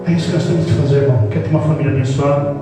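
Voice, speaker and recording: A pastor in a church hall delivers a playful sermon at a very fast clip, his fairly high voice keeping a fairly even intonation. He teases the congregation and acts out family scenes. A distant mic picks up roomy hall reverb, with music playing behind him.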